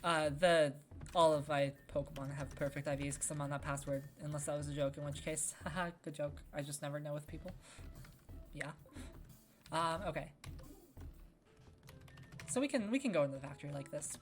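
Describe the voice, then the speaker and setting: Young woman game dev, low voice, chatty, easily sidetracked commentary. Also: normal speed, long pauses, soft background music. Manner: chatty, wandering, answers chat. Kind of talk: casual let's-play commentary.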